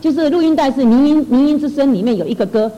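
A woman's voice: sits high, animated, quick pace, warm tone, highs cut off. A middle-aged woman giving an earnest, emotional personal testimony, telling her story with many restarts. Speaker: church worker giving testimony.

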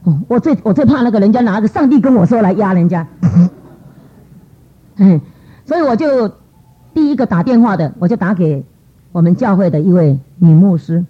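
Husky church lady telling a testimony, does little voices for people, kinda muffled recording. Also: moderate pace, pauses often. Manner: lively, acts out quoted voices with pitch jumps. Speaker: church speaker giving testimony. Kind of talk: storytelling testimony talk. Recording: dull lo-fi recording.

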